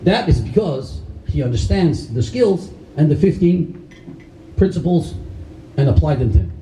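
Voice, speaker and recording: A Danish-raised man, a karate instructor at a camp, addresses a seated group in a loose, rambling way, full of fillers and restarts. His voice sits on the high side, a bit slow, warm, with lively intonation. The recording has a roomy, distant hall sound and slight background noise.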